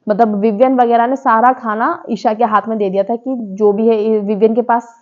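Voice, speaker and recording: A woman's voice: a little high, fairly even intonation, normal speed, phone-quality sound. A woman chatting casually as she reviews a reality show episode, retelling scenes by quoting what the contestants said.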